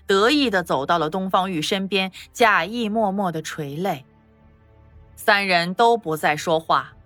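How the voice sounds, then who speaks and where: A woman giving expressive scripted narration for a palace audio drama. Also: medium pitch, dry recording.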